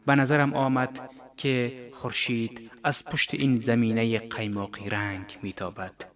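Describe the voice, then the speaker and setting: A man reading a literary story on radio, calm and measured. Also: mid-range voice. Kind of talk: scripted literary narration.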